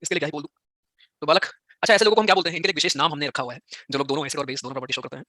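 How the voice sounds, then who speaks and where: Fast-talking bright-voiced male teacher. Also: fairly high pitch, fairly even intonation, dry recording, clean studio sound. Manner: teasing, scolds students by turns. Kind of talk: live online exam-prep class.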